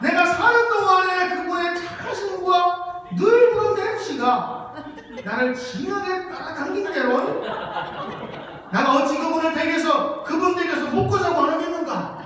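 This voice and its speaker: A man's voice: very high voice, measured pace, pitched above the performer's own voice. A pastor doing an exuberant Jeolla-accented country man. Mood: giddy. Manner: loud, drawling, playful dialect. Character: exuberant rustic man praising God. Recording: echoey hall from far off.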